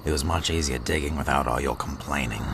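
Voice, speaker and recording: A bullying, treasure-hungry sailor boat from a cartoon drama , acted by a man. The voice is very low and creaks with gravel. It is snappish and commanding, heard over clear background noise. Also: steady tone, fast talker. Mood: gloating, scheming. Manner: domineering, snappish. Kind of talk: cartoon-style audio drama. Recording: noisy, with sound effects behind.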